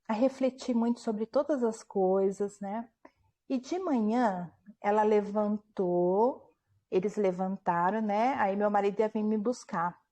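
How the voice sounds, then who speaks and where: Woman author as interview guest; warm, mellow tone, lively storyteller who acts out the dialogue. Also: medium pitch. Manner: animated retelling, acting out quoted dialogue, frequent tag questions. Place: at home.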